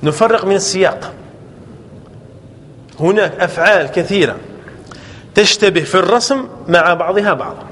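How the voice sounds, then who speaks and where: A man teaching an Arabic grammar class, slowly drawing out example words and often checking that the students follow. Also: high-pitched, fairly bright tone. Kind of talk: classroom lesson. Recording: echoey hall with faint ambient noise.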